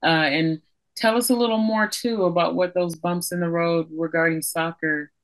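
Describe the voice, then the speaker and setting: A woman's voice: fairly low pitch, steady tone, normal speed. A woman hosting an interview podcast, reading a scripted intro and then asking encouraging questions. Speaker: podcast host.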